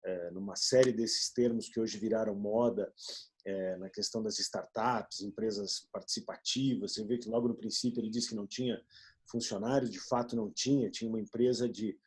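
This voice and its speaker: Halting man from southern Brazil. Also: fairly low pitch, steady tone, a little mellow, husky. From Rio Grande do Sul, Brazil. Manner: halting, many fillers. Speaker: business partner. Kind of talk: video meeting talk.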